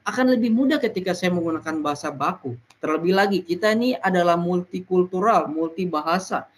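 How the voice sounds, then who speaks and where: A medium-pitched presenter addresses peers in an educational talk, laying out each point in turn and pausing frequently with "nah".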